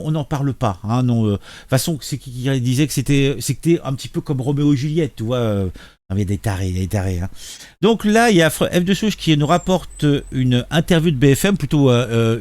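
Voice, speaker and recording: A man's voice: a little high, darkish tone, no room sound. A man giving casual reaction commentary, sarcastic and mocking, hesitating with many fillers. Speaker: political commentary youtuber.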